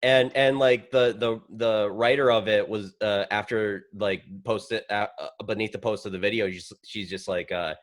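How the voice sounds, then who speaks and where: A man co-hosting a casual podcast chat, talking haltingly with lots of restarts. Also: fairly low pitch, steady tone. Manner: halting, many fillers and restarts. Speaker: podcast co-host.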